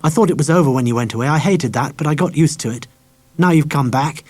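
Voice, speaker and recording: A man voicing a posh young English woman with an upper-class accent, who speaks in a shrill, clipped and accusing way. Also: expressive, fast, darkish tone, husky. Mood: angry.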